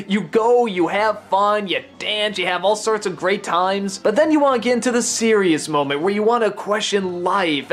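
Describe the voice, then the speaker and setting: A man hosting a film review, commenting with animated, gushing enthusiasm. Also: high-pitched. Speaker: film critic host.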